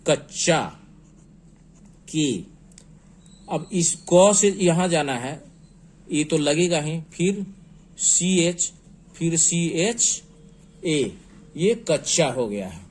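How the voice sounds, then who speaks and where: A man teaching a spelling lesson, slow and patient, spelling words out letter by letter. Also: a little high, expressive, a little mellow. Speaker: English teacher.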